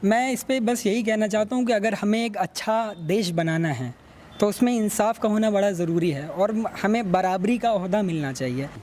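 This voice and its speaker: High-voiced earnest young man. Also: darkish tone, slight background noise. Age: young adult. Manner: earnest, measured, addresses the reporter as sir. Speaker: interviewee. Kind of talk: street interview.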